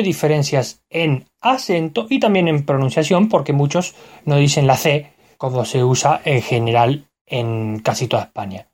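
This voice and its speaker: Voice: mid-range voice, darkish tone. A speaker with an Argentine accent, explaining things casually to viewers and calling them friends. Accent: Argentine Spanish. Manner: explanatory, addresses listeners as friends. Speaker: vlogger musing on language. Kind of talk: casual spoken reflection.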